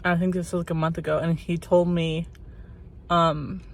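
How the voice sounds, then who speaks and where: Female vlogger, earnest testimony, congested sore-throat sound slightly muffled by a lozenge, flat intonation. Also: fairly low pitch, moderate pace, creaky. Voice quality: slightly muffled by a cough drop in the mouth. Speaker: channel host.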